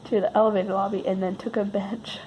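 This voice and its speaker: A woman's voice: mid-range voice, flat delivery, fast, a little mellow, slight background noise, poor audio. A woman vlogger who sounds sick and losing her voice, telling a casual, rambling personal story with wry, self-deprecating understatement.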